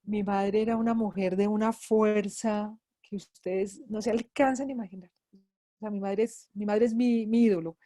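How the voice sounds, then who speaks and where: A woman's voice: mid-range voice, steady tone, normal speed, dark tone. A middle-aged woman from Antioquia, Colombia, with an Antioquian accent, a grief psychologist telling her own story to a class, emotional and repeating words for emphasis. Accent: Antioquian Colombian Spanish. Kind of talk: personal testimony in a lecture.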